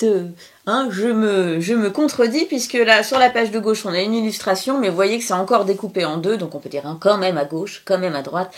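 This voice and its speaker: A woman's voice: mid-range voice, fairly bright tone. A woman presenting a children's book in a casual review, chatty and hesitant, with many fillers.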